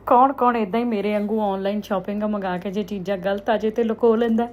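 A woman's voice: medium pitch, steady tone, fast, darkish tone, a little hiss or hum. A woman from India telling everyday household stories in a casual, chatty vlog, confiding in viewers like girlfriends. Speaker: vlogger.

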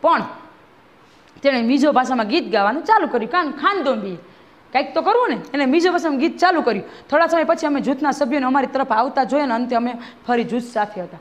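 A woman's voice: high voice, expressive, fast. A woman schoolteacher, reading a textbook lesson aloud to a class and re-explaining each line, often checking that the pupils follow. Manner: reads a line then re-explains it, often asking "બરાબર છે?".

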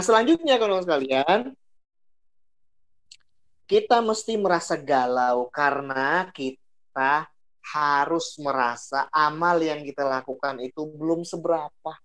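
Low-voiced woman, preaching. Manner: repeats phrases for emphasis, expressive swings. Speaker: religious speaker. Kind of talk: casual Islamic talk.

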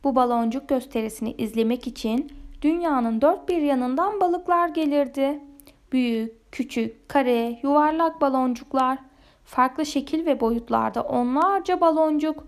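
A woman reads a children's picture book aloud, gentle and expressive. Her voice is high and her pace slow and deliberate, made for young listeners. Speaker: storyteller. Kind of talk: children's storybook read-aloud.

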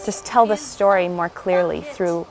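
A woman's voice: on the low side, fairly even intonation, a little slow, poor audio. A woman co-writer of a musical, speaking reflectively in an outdoor documentary interview. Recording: music playing underneath.

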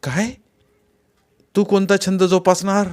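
A woman's voice: mid-range voice, little pitch movement, slow, a little mellow, voice pushed up, natural voice. A man voicing a fussing village mother. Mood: questioning. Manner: nagging, questioning.

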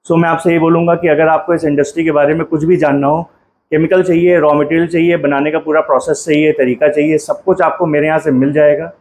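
A man in his thirties speaks straight into a phone held at arm's length, promoting his business in a persuasive salesman's manner. His voice sits a bit high for a man. A faint hum runs under the recording. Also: flat delivery, fast talker, darkish tone, rough recording. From India. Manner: persuasive salesman, direct address to viewers. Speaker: detergent company owner and trainer. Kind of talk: promotional factory tour and pitch. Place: factory floor, then small office indoors.

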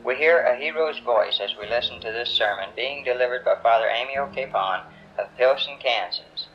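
A man's voice: medium pitch, normal speed, faint music behind. A man giving a formal, plain broadcast introduction as a radio announcer, heard on an old radio recording. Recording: muffled old radio broadcast with faint hiss.

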